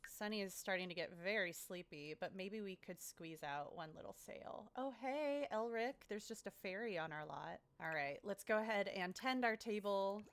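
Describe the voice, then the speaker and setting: A woman's voice: mid-range voice, expressive, moderate pace, few pauses, smooth. Bubbly woman chatting over a game. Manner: bubbly, chatty, easily delighted. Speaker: let's play host. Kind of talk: casual gameplay commentary.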